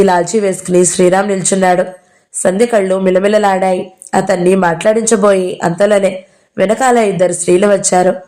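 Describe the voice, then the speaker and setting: A woman's voice: medium pitch, mellow. A woman narrating a novel as an audiobook reader, reading all the characters' lines herself.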